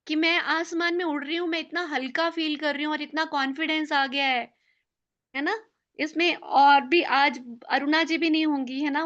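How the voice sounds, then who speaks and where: A woman leading an online group through mirror affirmations, gentle and coaxing as she shows how to praise and thank yourself. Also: high-pitched, dull audio. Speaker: mirror-talk guide. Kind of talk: guided self-affirmation session.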